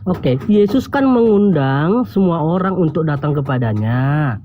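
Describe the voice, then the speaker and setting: A man in an online debate speaking calmly and telling the others to settle down. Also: on the high side, a little slow, a little hiss or hum.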